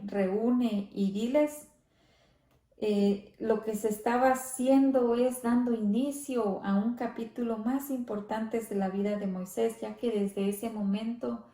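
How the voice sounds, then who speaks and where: A woman leading a church Bible study, speaking slowly and reverently, often adding amén and gloria a Dios. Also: on the high side, mellow, roomy sound. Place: church hall.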